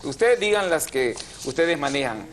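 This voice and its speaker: A man's voice: fairly high pitch, lively intonation, normal speed. A man hosting a TV language program, explaining grammar patiently and drawing out syllables. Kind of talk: didactic TV chat.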